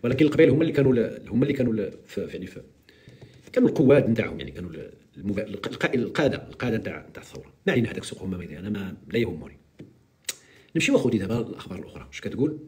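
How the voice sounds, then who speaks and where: Rapid-fire sarcastic Moroccan man. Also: on the low side. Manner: sarcastic, mocking, animated. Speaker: live stream host. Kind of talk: live political commentary.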